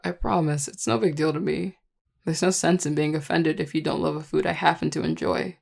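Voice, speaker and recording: A performer voicing a charming, affectionate vampire lover in an intimate audio role-play, teasing and tender in a relaxed, gravelly voice. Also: medium pitch, fairly quick. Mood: playful, teasing. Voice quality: gravelly, heavy vocal fry. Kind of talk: intimate audio role-play, one-sided dialogue to listener.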